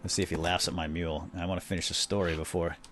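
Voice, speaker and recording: A let's play host with a deep voice races through casual gameplay commentary, retelling a story in a lively, rambling way packed with fillers. Soft music runs in the background of his video game series.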